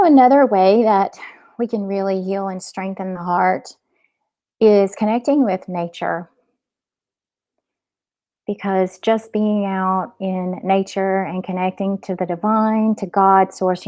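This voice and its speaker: A woman speaking as a spiritual coach, giving an informal healing talk in a gentle, hesitant way with frequent pauses. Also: on the low side, creaky. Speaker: spiritual coach and energy healer.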